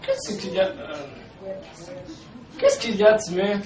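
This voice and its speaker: A woman's voice: mid-range voice, huge pitch swings, slow, crowd noise. A woman with a Quebec French accent acting a flustered, fussy mother who exclaims a lot. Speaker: amateur stage actor. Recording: echoey room, far from the mic, faint noise.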